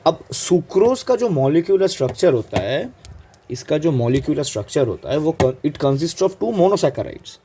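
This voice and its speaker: A man's voice: a little high, big pitch swings, mellow, slight background noise. A man with an Indian accent teaching chemistry in an exam-prep lecture, mixing Hindi and English and checking in with "right?" again and again. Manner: switches between Hindi and English, asks "right?" constantly; slow, drawn-out on key terms.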